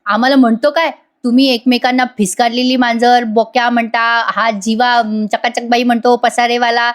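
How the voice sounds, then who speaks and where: A woman's voice: on the high side, level tone, moderate pace, natural voice. A woman voicing a young man who grumbles and complains to his mother. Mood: grumbling.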